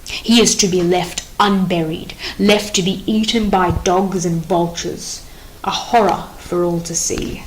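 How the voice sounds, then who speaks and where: A woman's voice: fairly low pitch, steady tone, measured pace, slight background noise, close to an everyday voice, poor audio. A woman reading the part of a stern, unbending male king in an audiobook play, grave and declamatory in manner.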